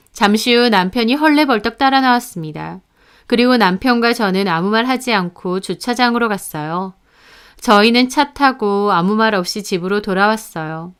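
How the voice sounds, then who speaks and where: A woman's voice: medium pitch, clean tone. A middle-aged woman narrating a personal family story in the first person, indignant and aggrieved. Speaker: narrator telling her story.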